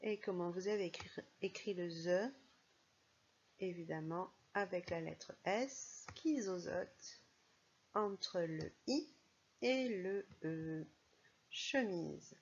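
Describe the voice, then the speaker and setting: A woman's voice: mid-range voice, muffled recording, slight background noise. A woman teaching a primary school phonics lesson, speaking patiently and stressing each sound and syllable.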